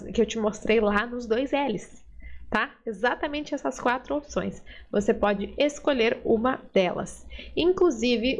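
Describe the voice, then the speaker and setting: A woman with a fairly high voice gives a casual pronunciation lesson. She explains patiently, step by step, and keeps checking that the listener follows. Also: a little mellow. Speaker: Spanish teacher.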